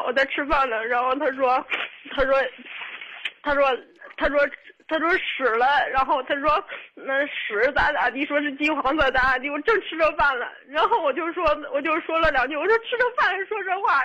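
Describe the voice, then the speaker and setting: Tearful young woman calling in, high bright voice. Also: lo-fi sound. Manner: halting, repetitive, restarts often. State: tearful, upset. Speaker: caller. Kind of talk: radio call-in.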